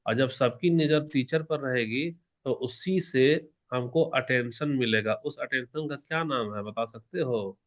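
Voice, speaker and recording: A male teacher giving an exam-prep lecture in a lively manner, asking questions and answering them himself while shifting between soft and loud. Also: medium pitch, measured pace, few pauses, dull audio. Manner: animated, varies loudness and pace, asks questions and answers them himself.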